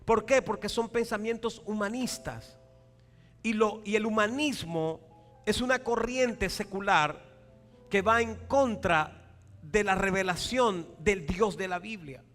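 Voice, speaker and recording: A male pastor preaching a sermon, animated and acting out dialogue, often asking the congregation for a reply. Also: high-pitched, takes it slowly. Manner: acts out quoted dialogue in raised voices. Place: large church hall. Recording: long hall reverb with faint music.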